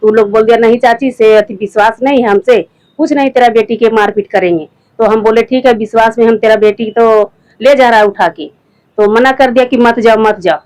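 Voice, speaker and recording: Middle aged jharkhand village woman, kinda high pitched, plain rural talk, repeats stuff, quotes people. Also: fairly even intonation, a little fast, darkish tone, rough recording. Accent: Jharkhand rural Hindi. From Jharkhand, India. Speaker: interviewee, mother, former village head. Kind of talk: spoken account to a reporter.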